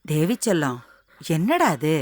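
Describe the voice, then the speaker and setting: A woman's voice: sits low, huge pitch swings, takes it slowly, full character voice. A middle-aged woman playing a loving, ailing mother in a TV serial, tender and coaxing. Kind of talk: TV serial acting.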